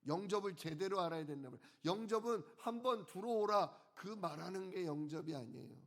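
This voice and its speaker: A male pastor preaching a sermon, who asks the congregation questions and answers them himself, and slows down to stress key words. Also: sits high.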